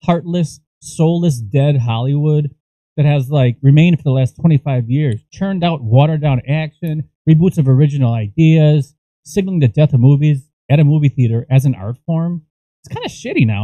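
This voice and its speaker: Close on a podcast mic in a small studio room, a thirtysomething American co-host rants comically about movies, crude, opinionated and swearing. His voice is a little high, mellow and very animated at normal speed; there's no echo, though the audio quality is poor.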